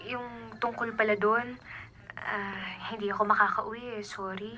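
A woman's voice: mid-range voice, little pitch movement, measured pace, sharp tone. A woman playing a weary, apologetic wife and mother working overseas in a radio drama, reassuring and evasive in manner. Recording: background music under the voice.

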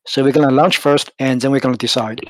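On a crypto community call, a project team member explains the token design in a casual AMA, hesitating and using plenty of fillers. His voice is medium-pitched and steady, moving at a quick pace. There's no room sound, and the audio quality is poor.

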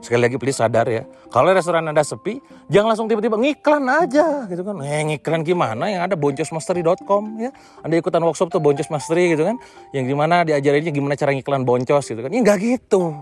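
A man's voice: a little high, lively intonation, fast, faint music behind. A man giving a motivational business lesson as a coach, blunt and slangy, addressing his listeners directly.

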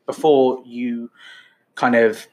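A man in his twenties hosting a podcast, asking his co-host questions in a friendly, casual way. His voice sits in a middle pitch, and he talks loosely with plenty of fillers. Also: flat delivery, takes it slowly, noisy background. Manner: friendly, interviewing, many fillers. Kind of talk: casual chat.

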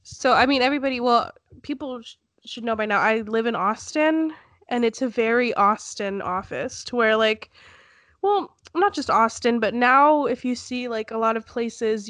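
A woman's voice: on the high side, normal speed, fairly bright tone, no room sound. A young woman with a stuffy, congested nose, co-hosting a casual chat in a giggly, rambling way. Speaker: podcast co-host.

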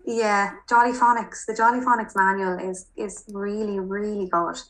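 A woman's voice: medium pitch, level tone, normal speed, fairly bright tone. A woman from Mayo with a west of Ireland accent, chatting and telling anecdotes as an interview guest, emphatic and prone to repeating phrases. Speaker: podcast guest, primary school teacher.

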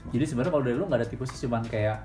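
A man hosting a casual interview, asking questions and answering with quick agreeing words. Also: medium pitch, dark tone, roomy sound, soft background music. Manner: quick, asks questions, many affirming "iya".

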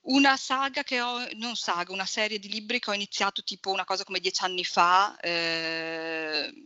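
A woman in her forties co-hosts a podcast in a chatty, self-mocking way. Her voice is bright and mid-pitched. The sound is a dry but dull, lo-fi, low-quality stream. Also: fairly even intonation, normal speed, dry recording. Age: 40s. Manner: chatty, self-deprecating, laughs often. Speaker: podcast co-host. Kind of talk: casual chat about books. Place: remote call recording, no studio.

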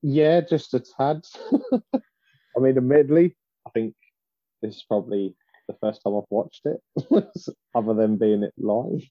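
A man's voice: medium pitch, measured pace, pauses often, no room sound. A man co-hosting a podcast in casual chat, with a muffled sound to the recording. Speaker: podcast co-host.

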